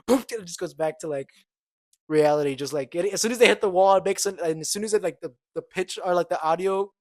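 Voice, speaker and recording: A man's voice: high-pitched, fast, a little mellow, no room sound. A young man co-hosting a podcast, rambling casually with many restarts. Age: young adult. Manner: rambling, full of fillers and restarts. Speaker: podcast co-host. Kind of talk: casual chat.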